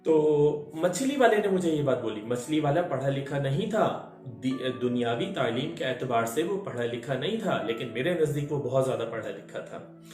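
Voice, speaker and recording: A man's voice: medium pitch, expressive, moderate pace, a little mellow. A man in his thirties giving an earnest parenting talk, repeating key lines and asking the audience rhetorical questions. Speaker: motivational speaker. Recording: echoey room with faint music.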